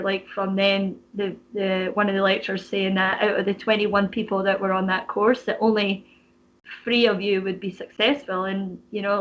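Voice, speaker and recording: A woman's voice: mid-range voice, a bit bright, dull audio. A woman in her thirties with a Canadian accent, a personal trainer chatting as a podcast guest, filling her talk with "like" and "you know". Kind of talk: casual interview chat.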